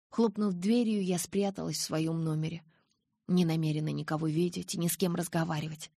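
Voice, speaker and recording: A woman narrates a first-person novel as an audiobook. Her voice is low and slightly husky. The recording is dry and close to the mic. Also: warm tone, dry recording.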